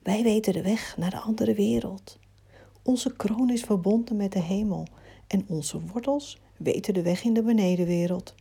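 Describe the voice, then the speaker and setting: A woman as a gentle, breathy talking tree. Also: mid-range voice, moderate pace. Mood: hushed coaxing. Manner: soft, coaxing, reassuring. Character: gentle, inviting, protective talking forest trees. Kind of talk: storytelling within a guided meditation.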